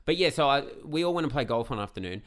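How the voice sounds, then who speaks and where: A man's voice: mid-range voice, quick pace. A man in casual podcast chat, rambling with many fillers. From Australia. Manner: rambling, filler-heavy, animated. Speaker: podcast guest, comedy writer.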